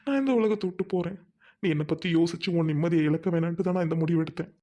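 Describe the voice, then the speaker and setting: A woman's voice: fairly low pitch, racing, natural voice. A woman playing a hurt village husband who reproaches his wife, then comforts her. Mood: bitter, despairing. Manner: bitter reproach, then soft reassurance.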